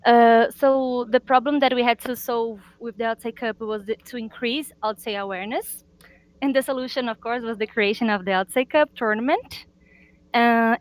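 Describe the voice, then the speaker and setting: A woman's voice: a little high, rough recording. Woman presenting on a video call. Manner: earnest, halting with fillers. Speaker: marketing presenter. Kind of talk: business presentation.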